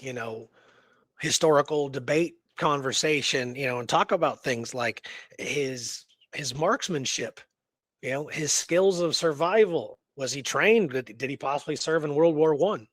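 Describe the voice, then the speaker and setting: A man with a slightly high voice co-hosts a history radio show, casually discussing a historical mystery. He muses aloud, tossing out rhetorical questions and tags that seek agreement. There's no room sound.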